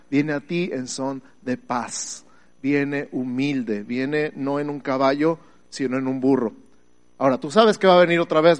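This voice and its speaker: A middle-aged Mexican man preaching a lively sermon, quizzing his congregation and swinging between loud calls and quiet asides. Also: mid-range voice. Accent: Mexican Spanish. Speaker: pastor.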